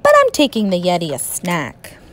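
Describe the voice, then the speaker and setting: A woman voicing an eager, determined young boy who bursts out in high, excited exclamations. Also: moderate pace. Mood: weary.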